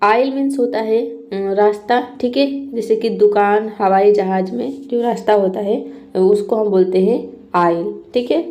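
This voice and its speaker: Woman teacher with a warm, mellow voice, walking learners patiently through word pairs and spelling each one. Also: medium pitch, measured pace. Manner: spells words out letter by letter; checks in with frequent "okay". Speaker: English teacher. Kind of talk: explaining vocabulary lesson.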